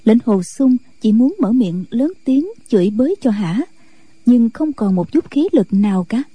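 Woman narrator for a martial-arts audiobook, very dark tone, dry close sound. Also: on the high side, lively intonation, unhurried, breathy edge, dry recording.

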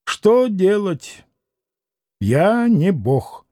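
A man's voice: high-pitched, lively intonation, slow, warm tone, no echo, clean studio sound, exaggerated voice. A man reading the part of a haughty, impatient male doctor who speaks in curt, clipped phrases.

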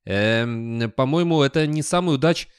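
A man's voice: mid-range voice, normal speed, clean tone, no echo, voice pushed up, lightly acted. Jittery young man voiced by a male reader, hesitant, uneasy, dry sound. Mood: pleading. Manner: anxious, hesitant.

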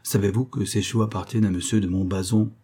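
A man voicing a frightened male steward who talks nervously and shouts for help in panic. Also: lowish voice, fairly even intonation, quick pace, breathy edge.

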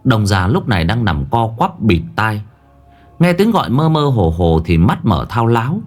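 A man's voice: fairly low pitch, very animated, normal speed, a little mellow, faint music behind. A man narrating a horror story with dramatic, suspenseful delivery.

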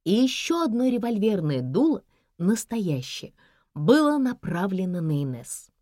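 Expressive woman audiobook narrator. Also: mid-range voice, a little slow, no room sound, studio quality. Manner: expressive, dramatic reading. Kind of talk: scripted narration.

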